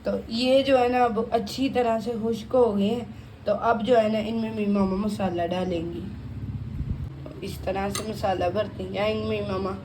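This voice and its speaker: A woman with a hoarse throat hosting a home cooking video, chatting casually as her mother cooks, often repeating the same filler phrase. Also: medium pitch, steady tone, a little slow, noisy background. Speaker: cooking channel host. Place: home kitchen. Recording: kitchen clatter of dishes and cutlery.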